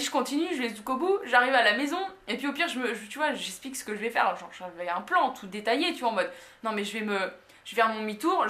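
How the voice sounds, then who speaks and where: A young woman from France telling an anecdote in a casual, slangy way, full of fillers and lively asides. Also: fairly high pitch. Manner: animated, slangy, many fillers. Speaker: vlogger. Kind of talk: casual storytelling. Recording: echoey room.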